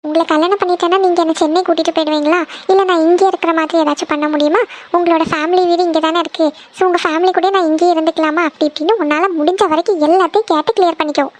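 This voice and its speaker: A woman's voice: very high voice, fairly even intonation, very fast. A woman voicing a practical, outspoken young woman friend in a cartoon, giving blunt advice. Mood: advising. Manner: scolding, advising. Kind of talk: cartoon voice acting.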